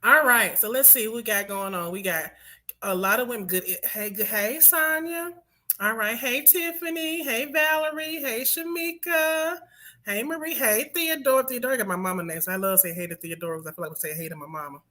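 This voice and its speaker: With a fairly high, pushed and bright voice at a normal speed, a woman addresses the women viewing her online panel show. Her hosting is upbeat, chatty and lively.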